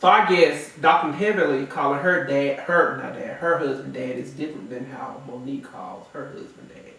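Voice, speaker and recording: A woman co-hosting a casual group chat, playful and quick to interject. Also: a bass voice, fairly even intonation, vocal fry, fairly bright tone. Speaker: co-host. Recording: echoey room, mic far off.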